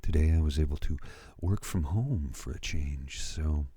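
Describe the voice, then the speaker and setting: A man in his fifties gives soft ASMR talk in an extremely low, breathy voice. His delivery is hushed and soothing, slipping between whisper and murmur. The tone is very dark and mellow, recorded close and dry on a studio microphone. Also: normal speed, no echo. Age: 50s. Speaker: ASMR host. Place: at home.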